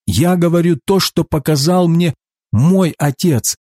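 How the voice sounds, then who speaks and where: A man reading the words of a calm, earnest male teacher in a solemn, emphatic way. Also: a little high, a little slow, no room sound, clean studio sound, pitched above the performer's own voice.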